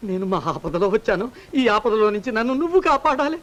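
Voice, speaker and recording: A man's voice: high-pitched, big pitch swings, quick pace, dull audio. An actor playing a worried older man who pleads anxiously for help in a 1950s film melodrama.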